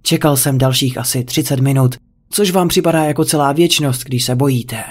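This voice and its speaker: A man narrating a horror story in the first person, reading it as a tense tale. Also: medium pitch. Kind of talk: creepypasta narration.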